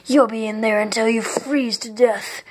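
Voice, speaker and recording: A reader voicing a cruel male warrior villain who speaks low and quiet, sneering with a slight hiss. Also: fairly even intonation, moderate pace. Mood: cold.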